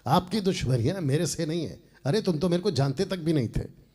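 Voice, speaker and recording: A man preaching a sermon, fiery and defiant, swinging between loud emphatic lines and hushed asides. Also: on the high side, animated, brisk. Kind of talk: Hindi sermon teaching.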